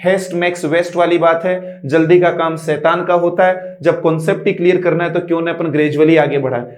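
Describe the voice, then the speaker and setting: This English teacher has a fairly high voice with little pitch movement, recorded in an echoey room with a little hiss or hum. He lectures patiently, stretching out example words word by word, repeating "dosto" and asking students "are you getting me."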